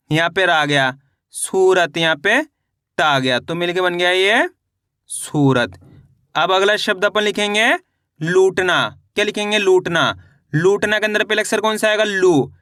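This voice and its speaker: A man's voice: high-pitched, bright, forceful tone, smooth, no room sound, clean studio sound. A man teaching children to read and write words, spelling each one out syllable by syllable and answering his own questions. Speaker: Hindi literacy teacher.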